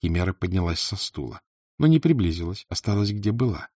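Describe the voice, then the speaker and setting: A man narrating an audiobook in an expressive, dramatic reading. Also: low-pitched, brisk, no room sound, clean studio sound. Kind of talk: scripted narration.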